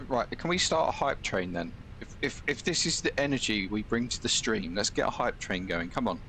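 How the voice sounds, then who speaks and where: A man's voice: on the low side, lively intonation, fairly quick, bright, forceful tone, poor audio. A man livestreaming as a flight sim pilot, switching between casual chat and radio calls. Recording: clear vehicle-like background noise.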